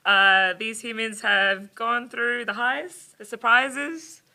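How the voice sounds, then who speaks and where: A young woman hosting a casual roundtable chat in a studio, upbeat and quick to laugh. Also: fairly high pitch, fairly even intonation, pushed and bright. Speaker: host. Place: studio in Sydney.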